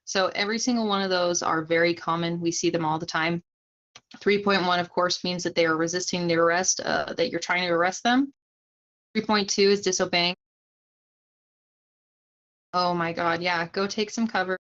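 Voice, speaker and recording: A woman's voice: fairly low pitch, steady tone, moderate pace, long pauses, a bit bright. Brief: young woman, casual streamer explaining rules, chats with viewers, dull lo-fi mic. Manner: chatty, talks to chat mid-explanation, laughs easily. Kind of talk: casual livestream instruction.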